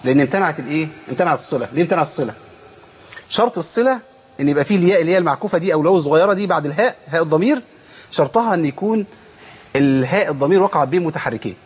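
Man, Egyptian accent, recitation teacher, rapid talk, slightly high voice, slows down to demonstrate sounds. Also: expressive, husky. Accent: Egyptian Arabic. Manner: explains briskly, then draws out sounds slowly to demonstrate them. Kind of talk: tajweed lesson.

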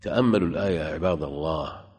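A man's voice: a bass voice, very fast, a little mellow, breathy edge. A man preaching a sermon with an Egyptian Arabic accent, emphatic, putting rhetorical questions to his listeners. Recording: long hall reverb.

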